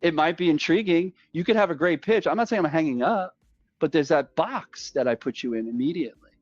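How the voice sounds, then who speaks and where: Energetic man talking sales, dry lo-fi sound. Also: on the high side, brisk, no room sound, faint music behind. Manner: energetic, repeats himself, acts out sales calls. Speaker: guest. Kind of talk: casual podcast conversation.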